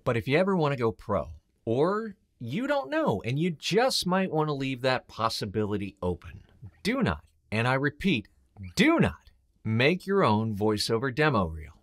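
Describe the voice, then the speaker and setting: A middle-aged man, a voiceover coach and voice actor, hosts a scripted advice video straight to camera, blunt, emphatic and colloquial. His mid-range voice swoops wildly in pitch, with a normal speed and a fairly bright tone.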